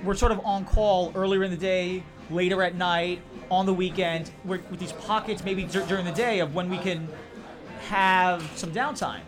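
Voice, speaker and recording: High-voiced reporter guy telling stories on a podcast, lively, music in the background. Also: moderate pace. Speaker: political reporter, podcast guest. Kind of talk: casual chat.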